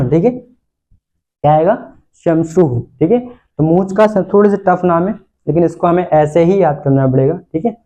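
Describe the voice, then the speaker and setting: Speaking on the high side with an animated, slightly mellow tone, this man moves at a moderate pace broken by long pauses. In a recorded lesson video, he lectures on Sanskrit words, repeating every term and answering the questions he raises.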